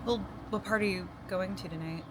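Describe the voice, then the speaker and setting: A woman acting as a worried, weary working partner in a found-footage film, speaking in a halting, conversational way. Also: medium pitch, steady tone, close to an everyday voice. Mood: worried, caring. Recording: noisy on-location camera sound.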